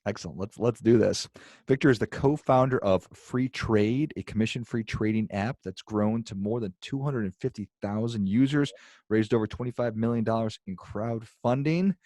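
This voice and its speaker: A man's voice: lowish voice, warm tone, no echo, clean studio sound. A man hosting a podcast interview, opening with an upbeat scripted introduction of his guest. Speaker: podcast host.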